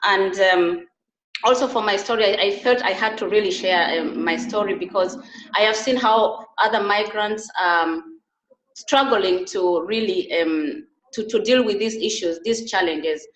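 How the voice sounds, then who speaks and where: Middle-aged woman from uganda, earnest, keeps restarting her sentences, roomy echoey sound. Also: medium pitch. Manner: earnest, halting with frequent restarts. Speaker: interview guest, beauty and wellness therapist. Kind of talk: conversational interview. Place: Germany. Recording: roomy echo.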